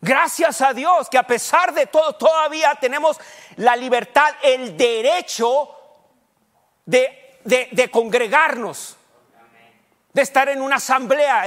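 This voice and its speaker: Man, pastor, sermon, high pitch, quizzing congregation, long hall reverb. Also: fairly bright tone. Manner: preaching with questions to the congregation, rushed bursts. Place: church sanctuary.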